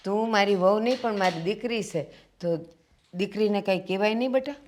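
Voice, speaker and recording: An actress playing a gentle, pleading, ailing mother-in-law in a Gujarati stage play. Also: mid-range voice, brisk, lightly acted.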